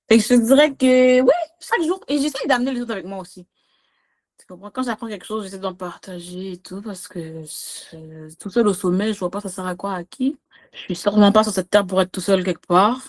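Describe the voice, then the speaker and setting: A woman from Quebec with a Québécois accent, chatting as a podcast guest and comedian, animated and laughing often with big swings in her voice. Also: medium pitch, normal speed. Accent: Québécois French. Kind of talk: casual interview chat.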